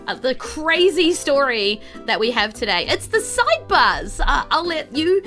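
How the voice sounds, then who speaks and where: Bubbly and expressive, a New Zealand-accented woman serves as host and game master of a live tabletop show. She speaks a little slowly in a high-pitched voice over soft background music.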